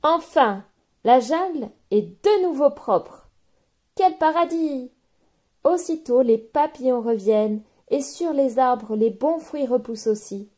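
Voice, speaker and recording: A woman reading a children's storybook aloud in a soft, expressive bedtime manner. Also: sits high, slow pace.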